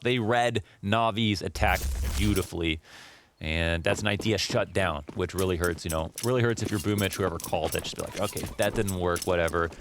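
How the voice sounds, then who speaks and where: A man with a fairly low voice analyses an esports match as a co-caster. He talks casually, in loose conversational phrases. Game gunfire and clicks are clearly audible behind him. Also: fairly bright tone, slight background noise. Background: video game gunshots and clicks.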